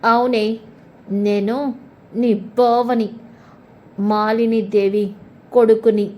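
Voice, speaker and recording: A woman voicing a hot-tempered, domineering young man with a harsh, shouting manner, in a retold TV serial. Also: on the high side, level tone, very slow, dull audio. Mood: defiant.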